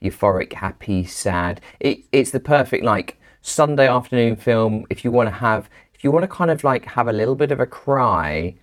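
A man's voice: mid-range voice, lively intonation, moderate pace, hardly any pauses. A man co-hosting a podcast, rambling and giggly while talking about a film. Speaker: podcast co-host. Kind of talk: casual film review chat.

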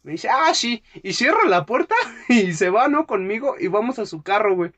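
A man's voice: high-pitched, fairly quick. A young man with a Mexican Spanish accent, chatting casually as a podcast host and telling a story full of slang, acting out what people said. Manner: animated storyteller, slangy, acts out quotes. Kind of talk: casual chat.

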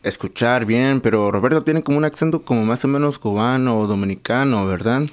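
A man's voice: mid-range voice, a little fast. A man born in Mexico hosting a live radio show, chatting casually with his guest and often ending questions with a tag. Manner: chatty, tags questions with "¿verdad?". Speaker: radio host.

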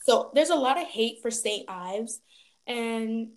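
A young woman co-hosting a casual chat podcast, talking in a chatty way that gets animated when she is passionate. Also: a little high, takes it slowly. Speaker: podcast co-host. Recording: faint background noise.

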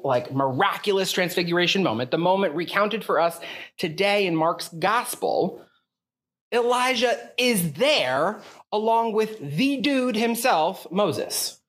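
A man preaching a conversational sermon as a priest, casual and chatty, peppering his talk with filler words and swinging up in pitch for emphasis and questions. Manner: animated, rising pitch on questions.

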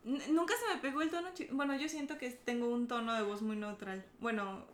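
A young woman with a Mexican accent chats casually as a podcast co-host. Her voice is bright and fairly high, and she rambles on with plenty of fillers. The room around her is noticeably echoey. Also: steady tone, brisk. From Mexico City. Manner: chatty, rambling with many fillers. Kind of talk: casual chat.

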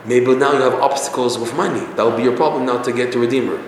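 A man's voice: mid-range voice, steady tone, fast talker, lightly acted. A man voicing a commanding giant who rules the winds, in an echoey hall with faint noise.

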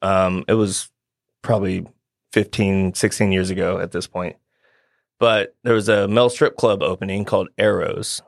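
A man, a podcast guest in casual chat, telling a profane, animated story and mimicking people. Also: low voice, normal speed, gravelly, dry recording, clean studio sound.

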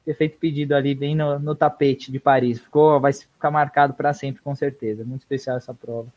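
A man telling a personal story in a casual interview, animated, swearing casually and trailing off softly at the ends of thoughts. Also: medium pitch, fairly quick. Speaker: guest runner.

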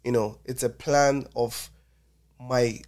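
A young man with a Nigerian accent, an Afrobeats artist guest chatting casually about his music, animated and slipping into Pidgin. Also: mid-range voice, slow pace. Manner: animated, mixes in Nigerian Pidgin, laughs often. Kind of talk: casual podcast conversation.

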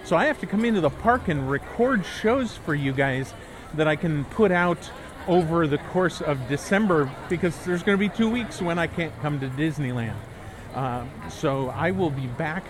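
Guy rambling as he walks, a bit high voiced, busy park noise behind him. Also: expressive, moderate pace. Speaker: podcast host. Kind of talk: casual walk-around chat. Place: outdoors walking through a busy theme park. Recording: outdoor park noise and crowd.

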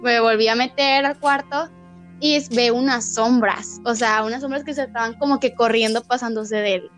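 A woman's voice: a little high, moderate pace, soft background music. A young adult woman with a Mexican accent, a podcast guest telling a story in casual chat, acting out the voices she quotes. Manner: animated, acts out quoted voices and laughs.

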